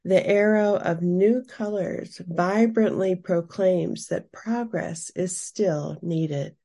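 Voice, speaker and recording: Female explainer narrator: mellow, breathy, soft, slow and deliberate. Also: on the low side. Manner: measured, deliberate phrasing.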